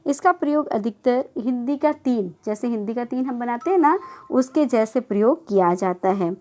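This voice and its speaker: A woman teaching a school grammar lesson, patiently repeating definitions, checking whether the class understood, and drawing out vowel sounds slowly as she lists them. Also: a little high, lively intonation, darkish tone.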